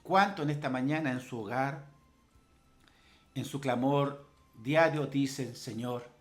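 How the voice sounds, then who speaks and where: A male pastor preaching a sermon, swelling loudly when quoting scripture, then dropping to softer asides and calling listeners brother. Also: medium pitch, measured pace, soft background music. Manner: preaching with fervent rises on scripture and soft asides; addresses listeners directly as brother.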